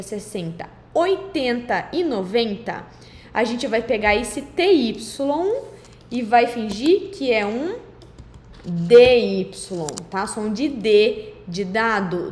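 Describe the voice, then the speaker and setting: A woman teaching English numbers to learners, drilling them slowly and adding teacherly asides. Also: fairly high pitch. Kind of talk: classroom-style lesson. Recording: roomy echo with faint background noise.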